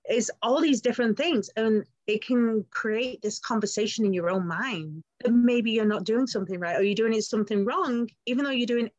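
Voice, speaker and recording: A woman's voice: fairly high pitch, moderate pace, hardly any pauses, darkish tone, no room sound, lo-fi sound. British woman hosting, dry and close. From United Kingdom. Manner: agreeable, conversational, builds on the guest's points. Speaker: podcast host. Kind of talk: podcast conversation.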